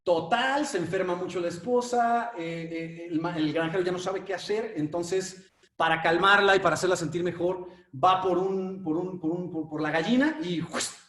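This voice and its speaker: This is a lively conference lecture with storytelling, given by a man who speaks with a Mexican Spanish accent and tells a fable along the way. He uses many fillers and repeats himself, and his fairly high voice reverberates through a large room, picked up by a faraway microphone.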